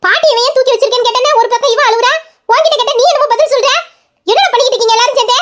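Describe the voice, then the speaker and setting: A woman's voice: very high voice, very fast, a bit bright. A woman voicing a bossy elder sister who scolds a group of mischievous boys in a comic story. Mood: exasperated. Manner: scolding, exasperated questions.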